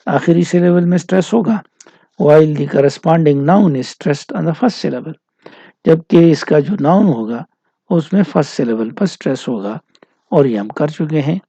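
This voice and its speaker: A man with a Pakistani accent giving a recorded university lecture. He reads English lines slowly and then explains them quickly in Urdu. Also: on the high side, gravelly, dark tone, dry recording, rough recording.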